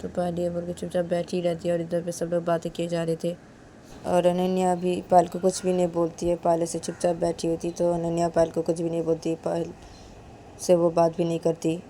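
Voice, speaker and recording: A woman's voice: lowish voice, monotone, fairly quick, warm tone, a little hiss or hum. A woman narrating a romance story in a casual, plain, repetitive spoken style.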